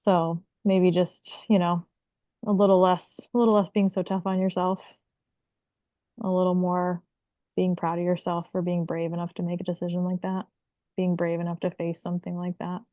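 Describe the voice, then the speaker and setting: A woman's voice: on the low side, level tone, moderate pace, dry recording. A woman guest on a podcast, talking candidly and reflectively about hard choices. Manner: candid, reflective, gently self-encouraging. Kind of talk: casual podcast chat. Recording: tinny phone-line audio.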